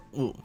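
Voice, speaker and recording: A young man hosting his channel, chatting casually to camera in a playful, teasing way and hamming up English words. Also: sits high. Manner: playful, teasing, joking self-mockery, exaggerated English words. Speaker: channel host. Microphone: desk condenser mic.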